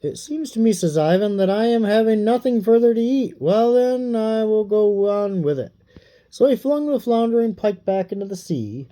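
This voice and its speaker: A man reading a fairy tale aloud in a playful, animated way. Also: high-pitched. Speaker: storyteller.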